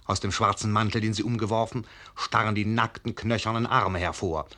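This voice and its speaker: An actor as the wry literary narrator of a radio play, telling it vividly with measured emphasis. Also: male voice, fairly low pitch, fairly even intonation, sharp tone. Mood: suspenseful. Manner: measured emphasis, addresses the listener. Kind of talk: dramatic storybook narration.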